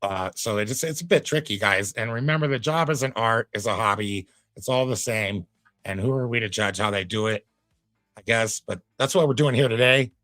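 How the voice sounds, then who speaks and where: A man's voice: lowish voice, normal speed, fairly bright tone, no echo, faint music behind. A man giving casual commentary on a clip as a reaction streamer, chatty and laid-back with preachy asides.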